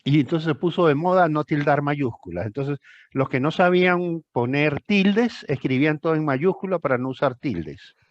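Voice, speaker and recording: A man's voice: a little high, expressive, normal speed, no echo, highs cut off. Emphatic older man tutoring. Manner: emphatic, repeats phrases for stress. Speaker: thesis tutor. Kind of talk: one-on-one tutoring session.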